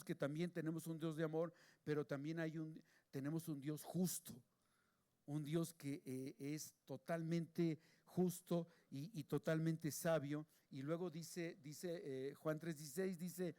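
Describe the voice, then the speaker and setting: A man preaching a sermon, moving between hushed, pleading passages and raised, emphatic ones. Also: on the high side.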